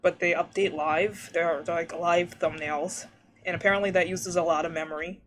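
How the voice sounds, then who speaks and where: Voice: medium pitch, fairly even intonation, normal speed, soft background music. A livestreamer chatting casually while drawing, rambling with lots of fillers and restarts, the voice slightly warbled by noise suppression on a desk mic. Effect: warbly noise-suppression artifacts.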